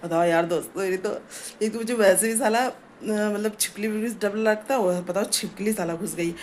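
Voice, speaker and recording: A woman's voice: medium pitch, brisk, a little mellow, slight background noise. A middle-aged woman chatting casually in a home vlog, rambling with many fillers, recorded indoors on a phone. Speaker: family vlogger.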